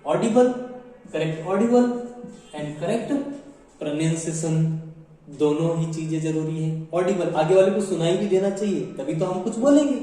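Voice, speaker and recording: A man's voice: on the high side, warm tone. A male teacher gives an exam-prep lecture, often asking a question and then answering it himself, and repeating his points. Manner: repetitive, asks and answers own questions. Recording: echoey room, far from mic.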